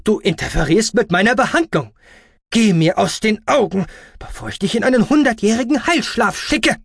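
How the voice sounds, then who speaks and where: A man voicing an agitated, imperious male alien doctor in an audiobook, loud and scolding. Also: sits high, moderate pace, dry recording, clean studio sound, voice pushed up. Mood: furious.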